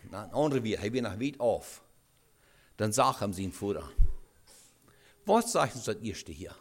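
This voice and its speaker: A man preaching a sermon in a halting way, with restarts and rhetorical questions. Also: medium pitch, fairly bright tone.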